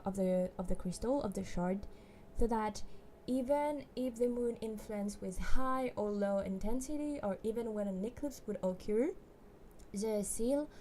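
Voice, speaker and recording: A woman's voice: mid-range voice, mellow, slight background noise. A woman streaming live, chatting casually and hesitantly with many fillers and restarts. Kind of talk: casual livestream chat.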